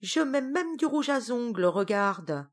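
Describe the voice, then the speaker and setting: A woman's voice: medium pitch, animated, unhurried, pitched above the performer's own voice, natural voice. A woman voicing a vain, grumpy witch who complains indignantly. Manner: indignant, whiny.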